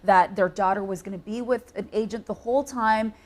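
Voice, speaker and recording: A woman's voice: mid-range voice, a little fast. A middle-aged woman, an evening news co-anchor, chatting in a TV studio about a story she covered, with frequent fillers and restarts. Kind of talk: conversational studio interview.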